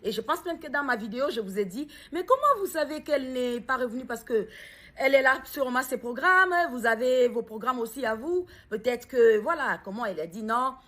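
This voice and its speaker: Her pitch on the high side and her tone sharp and animated, a mother in mourning addresses a personal video. She halts and falters while searching for words, then presses sincere questions.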